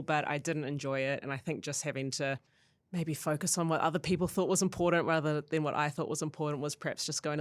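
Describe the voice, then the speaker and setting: A woman's voice: deep voice, no room sound. Woman, New Zealand accent, podcast guest, candid, dry close sound. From Auckland, New Zealand. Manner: candid, animated storytelling. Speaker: guest, company co-founder. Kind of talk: podcast interview.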